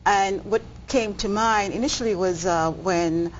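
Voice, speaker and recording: A woman's voice: medium pitch, unhurried. Hesitant woman hosting a TV interview. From Bahamas. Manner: hesitant, many ums and restarts. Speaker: talk show host. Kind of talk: cable TV interview. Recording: dull audio, faint noise.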